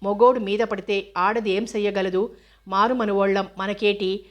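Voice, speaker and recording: A woman voicing a blunt, protective young village man who talks in gruff rural dialect, in a storybook reading. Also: medium pitch, little pitch movement, moderate pace, natural voice. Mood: resolute.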